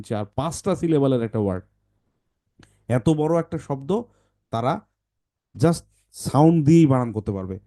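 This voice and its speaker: A man's voice: mid-range voice, mellow, dry recording, studio quality. A man teaching phonics, explaining the method to parents and often checking in with short questions.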